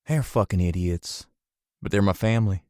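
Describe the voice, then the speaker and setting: Brief: man reading a swaggering rock star, very low voice, dry close sound. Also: normal speed, darkish tone, dry recording, lightly acted. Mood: flirtatious.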